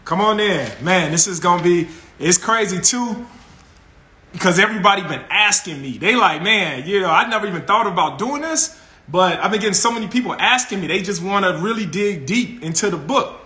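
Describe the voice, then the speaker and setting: A man in his 40s hosts a casual live stream from his phone, greeting viewers with upbeat laughter. His high voice is expressive, bright, and forceful, fairly quick, and sounds roomy. He's indoors in a small room with colored lights, the phone camera close up.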